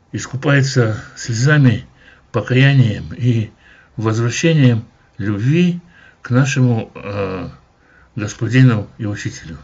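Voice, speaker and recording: Going passage by passage through a Bible chapter, this teacher sounds husky and darkish at a normal pitch, explaining steadily with the odd hesitation. The audio is lo-fi and dull.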